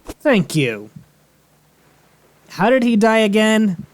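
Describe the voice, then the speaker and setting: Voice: mid-range voice, sing-song, slow pace. A game player of unclear sex giving casual, joking, sarcastic let's-play commentary with plenty of swearing. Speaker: host playing a video game.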